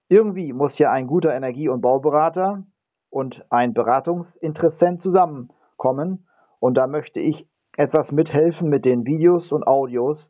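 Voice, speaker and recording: A middle-aged man, an energy and building consultant, introducing his own channel in an earnest, explanatory way, counting off his points and now and then correcting a slip. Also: fairly high pitch. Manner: occasional slips and self-corrections. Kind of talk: self-recorded channel introduction. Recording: narrow, phone-like audio.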